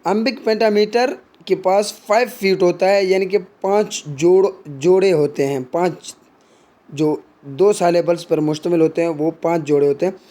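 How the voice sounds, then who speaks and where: A man's voice: sits high, measured pace, mellow. A man teaching literary terms, explaining in Hindi and mixing in English terms, with frequent fillers and restarts.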